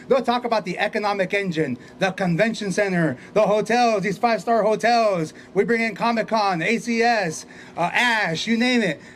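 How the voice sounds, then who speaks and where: Lively union emcee at an outdoor rally; very high male voice. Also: a little hiss or hum. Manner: animated, laughing, punchy questions to the crowd. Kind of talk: rally speech. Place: outdoors by hotels.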